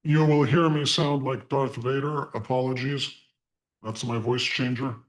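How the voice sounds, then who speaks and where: Guy teaching an online class thru a voice changer, disguised voice, calm and a bit wry. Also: mid-range voice, a little slow, low-quality recording. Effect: voice changer disguising his voice. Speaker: guest lecturer. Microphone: video call.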